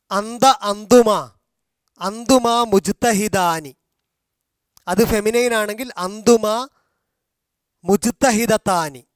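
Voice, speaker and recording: A man teaching a language class, slowly repeating and drilling grammar forms, with a Malayali accent. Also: sits high, no room sound, studio quality. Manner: slow, drilling repetition of forms. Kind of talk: explaining grammar in a video class.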